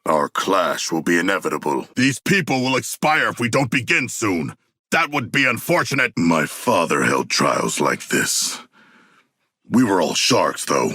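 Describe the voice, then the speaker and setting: An actor playing a hulking, noble shark warrior in a video game, with formal, grandiose diction and an earnest, literal-minded manner. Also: male voice, low voice, sing-song, a little slow, bright, forceful tone, slightly rough, dry recording, clean studio sound, heavily acted. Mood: musing, formal. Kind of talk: theatrical video game voice acting.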